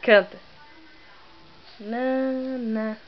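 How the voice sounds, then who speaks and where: A woman's voice: on the high side, flat delivery, very slow, soft background music. A mother coaxing her toddler at home in sing-song baby talk. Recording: dull lo-fi home recording with hiss.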